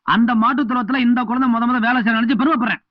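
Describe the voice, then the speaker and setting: Cheeky farmhand, fast, high, sharp retorts, dry film audio. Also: male voice, dry recording. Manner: quick, cheeky comebacks. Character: cheeky farmhand sent to clean a cowshed. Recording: dull film soundtrack with music.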